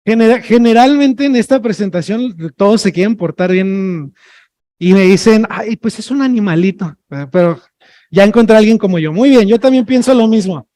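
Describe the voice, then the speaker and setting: High-voiced man teaching a workshop. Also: normal speed, mellow. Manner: chatty, checks in with tag questions, jokes with the audience. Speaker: sign language trainer. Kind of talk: workshop lecture.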